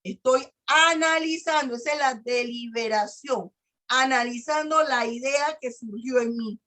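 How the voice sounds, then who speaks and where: A woman's voice: sits high, a little slow, bright, forceful tone. A woman law lecturer explaining step by step, acting out a first-person example for her students. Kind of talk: university lecture.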